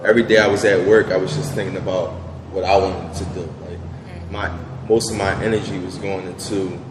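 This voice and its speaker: A young man talks through his story in a relaxed, filler-heavy way. His voice sits low and stays flat in pitch. The recording is roomy with a long echo and steady hum behind him. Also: brisk. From Southwest Philadelphia. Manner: laid-back, many fillers like "you know". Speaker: business owner guest. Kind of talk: casual interview answers. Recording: echoey room with background noise.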